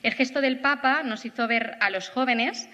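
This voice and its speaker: A woman's voice: high voice, normal speed, pushed and bright. Woman lecturing in a reverberant auditorium. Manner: earnest, reflective, with filler "eh" and "¿no?". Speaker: conference speaker. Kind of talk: prepared lecture. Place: large auditorium.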